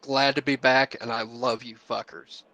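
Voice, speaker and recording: A man's voice: medium pitch, flat delivery, moderate pace, creaky, sharp tone, no echo, highs cut off. A man co-hosting a podcast, chatting casually with crude, laughing banter. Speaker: podcast co-host. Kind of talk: casual chat.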